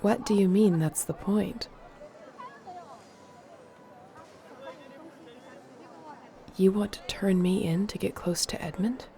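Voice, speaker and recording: A woman plays an earnest, determined fantasy sorceress in an intimate audio roleplay, speaking in a measured, softly formal way. Her mid-range voice is close to her everyday one, and the mood is hushed and questioning.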